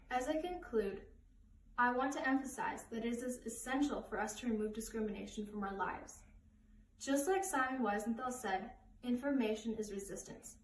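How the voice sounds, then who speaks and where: A young girl reciting a formal, prepared persuasive speech as a student speaker. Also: on the high side. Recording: roomy, distant mic with faint noise.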